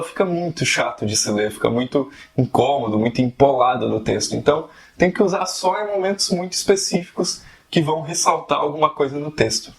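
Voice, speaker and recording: A man giving a casual, conversational video lesson on fiction writing, often tagging questions onto his sentences. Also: medium pitch. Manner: conversational, frequent tag questions. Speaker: writing teacher.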